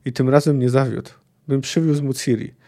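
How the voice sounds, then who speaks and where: A man's voice: medium pitch, steady tone, normal speed, creaky, dark tone, close to an everyday voice. A man reading as an earnest lovesick young knight.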